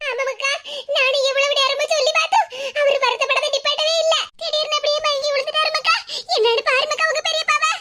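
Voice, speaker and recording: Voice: extremely high pitch, flat delivery, quick pace, few pauses. A voice actor playing a worried middle-aged aunt in a cartoon, talking in a fretful, pleading way with a Kanyakumari Tamil accent. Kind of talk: cartoon voice acting. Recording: loud background noise.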